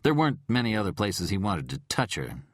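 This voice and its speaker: A man narrating an audiobook thriller in a measured, dramatic storytelling manner. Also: fairly low pitch, sing-song, no echo, clean studio sound.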